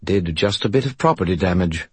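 A man voicing a cheeky, smug spirit that lives in a skull, perky and quick in an audiobook reading. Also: low voice, animated, slightly rough, no room sound, heavily acted. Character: chatty, smug male spirit living in a skull.

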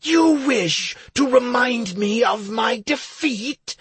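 A man voicing a cruel, vengeful ancient female hermit who speaks with loud, resounding loathing in a storybook reading. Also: very high-pitched, lively intonation, slow pace, husky, no echo, voice pushed up, full character voice. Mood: scornful.

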